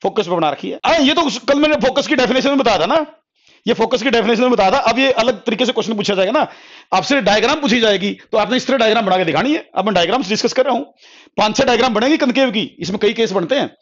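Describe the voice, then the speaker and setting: A high-pitched man lectures a physics class at the board. He drills each term again and again and spells out notes slowly for his students to copy. The sound is dull and lo-fi. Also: animated. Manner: repeats key terms many times, calls students "beta" and "bhai"; dictates notes slowly word by word. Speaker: physics teacher.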